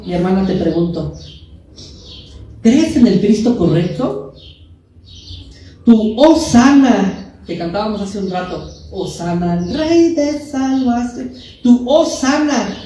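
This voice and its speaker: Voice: medium pitch, dark tone. A preacher delivering a sermon, repeating key phrases and putting rhetorical questions to the congregation. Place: church sanctuary. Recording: echoey church hall, mic at a distance.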